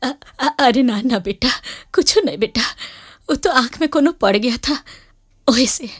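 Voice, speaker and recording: An actress playing a worried village mother who talks softly in rustic dialect to her teenage daughter. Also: sits high, animated, measured pace. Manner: soft, tearful, rustic dialect.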